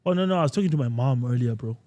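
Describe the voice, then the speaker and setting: A man hosting a casual podcast, animated and teasing, slowing down to read headlines aloud. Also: medium pitch, no echo. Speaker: podcast host. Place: lounge podcast set.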